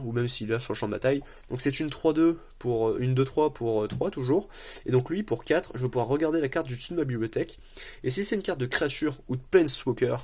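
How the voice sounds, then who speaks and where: A man's voice: medium pitch, darkish tone. Casual man walking through a card deck. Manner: explains card by card, paraphrasing rules text. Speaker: deck tech presenter.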